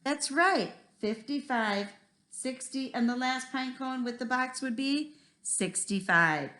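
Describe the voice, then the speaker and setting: A woman's voice: high-pitched, takes it slowly, sharp tone. A woman teaching a first grade lesson, talking simply and encouragingly to children like a kids show host. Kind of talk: instructional math video lesson for young children.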